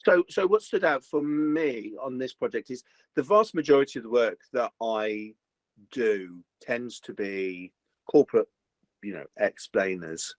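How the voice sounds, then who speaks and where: A man's voice: mid-range voice, measured pace, dry recording, low-quality recording. A voice actor, a man, chatting in an interview with lots of "you know" fillers and restarts. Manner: animated, many fillers and restarts. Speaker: voice actor guest. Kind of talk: casual interview chat. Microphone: home recording booth.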